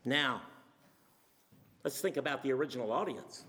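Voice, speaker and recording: A man's voice: medium pitch, expressive, moderate pace, sharp tone. A man preaching a sermon, telling the story with dramatic shifts. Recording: long hall reverb.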